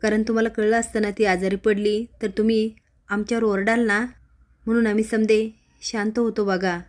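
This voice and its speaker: An older village matriarch scolds and smooths things over in rustic speech, as a woman storyteller reads her lines. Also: mid-range voice, flat delivery, normal speed, a little mellow, close to an everyday voice. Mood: scolding.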